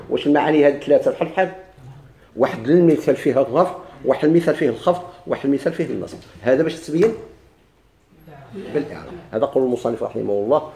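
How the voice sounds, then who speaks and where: A man with a Moroccan accent teaching Arabic grammar, slowing down to recite quoted verses and examples and giving letters and words their own speaking lines. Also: mid-range voice, dark tone. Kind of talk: explaining a grammar text. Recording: echoey room.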